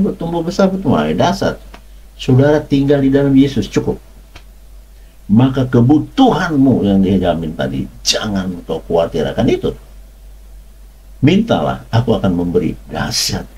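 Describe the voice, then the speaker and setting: A man preaches with a husky, darkish voice and a pitch that leaps and dives. He swings between loud, high exclamations and low, quiet asides, speaking to his viewers like a congregation. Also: low-quality recording. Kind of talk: sermon for an online channel.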